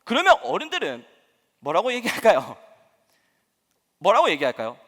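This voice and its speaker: A male pastor preaches to his congregation in an animated way, throwing out rhetorical questions and acting out the voices he quotes. His voice sits high and leaps all over in pitch. The sound carries a long reverb from the church sanctuary. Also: normal speed. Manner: acts out quoted voices with laughs. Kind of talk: sermon at a Wednesday service.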